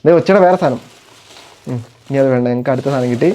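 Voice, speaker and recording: A man's voice: mid-range voice, fast talker, mellow. A father chatting casually while unboxing parcels, explaining each item and playing with his little daughter. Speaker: father and family vlogger.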